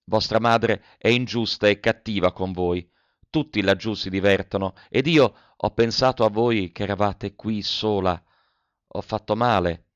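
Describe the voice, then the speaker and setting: A man reading the lines of a gentle, sorrowful young man in a storybook, soft and hesitant. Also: lowish voice, measured pace, no echo, close to an everyday voice. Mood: tender. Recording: dull, dry lo-fi audiobook recording.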